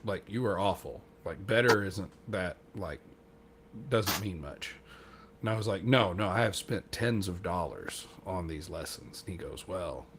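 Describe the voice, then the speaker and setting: Guy with a lowish voice rambling thru a self-deprecating story, casual podcast chat, faint hiss behind. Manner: acts out quoted dialogue. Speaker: podcast co-host.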